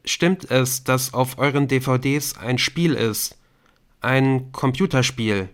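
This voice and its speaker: A man reading an audiobook, voicing an anxious schoolboy who pleads in a hushed, timid voice. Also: mid-range voice, slow, clean tone, voice pushed up, natural voice.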